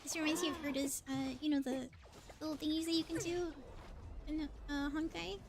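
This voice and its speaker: Her voice sits high, level in tone and brisk in pace. She's a livestreamer giving offhand gameplay commentary in short bursts as she plays, with music in the background.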